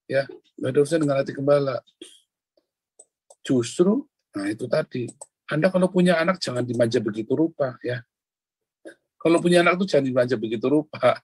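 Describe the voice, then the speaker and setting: Blunt, husky-voiced male pastor preaching. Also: mid-range voice, fairly quick, pauses often, no echo, poor audio. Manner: blunt, animated, jokes and laughs with the congregation. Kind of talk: sermon.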